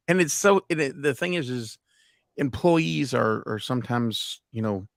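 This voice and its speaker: A man's voice: medium pitch, measured pace, creaky, dry recording. A man in casual podcast chat, telling stories with many fillers and restarts. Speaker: guest.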